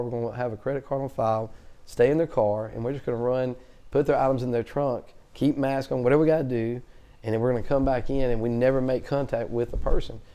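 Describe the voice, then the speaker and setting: A man, a chatty auctioneer telling stories in a casual interview. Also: medium pitch. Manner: fast-talking, chatty, animated storyteller. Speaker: auctioneer, guest.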